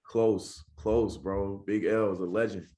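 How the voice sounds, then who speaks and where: A man's voice: on the low side, fairly even intonation, a little slow, warm tone. A young man from Charlotte, North Carolina, with a Southern accent, a rapper talking casually in an interview and often saying "you know what I'm saying".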